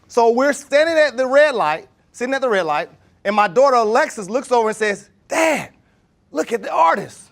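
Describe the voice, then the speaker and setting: Animated high-voiced male workshop trainer. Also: fairly quick. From Jacksonville, Florida. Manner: animated, asks the room questions. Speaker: leadership trainer. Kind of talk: workshop talk to a live group.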